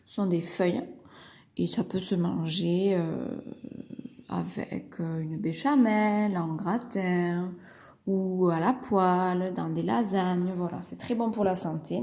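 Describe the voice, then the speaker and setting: A woman's voice: medium pitch, mellow. A woman teaching a writing lesson to young children, patient and singsong as she explains. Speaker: kindergarten teacher.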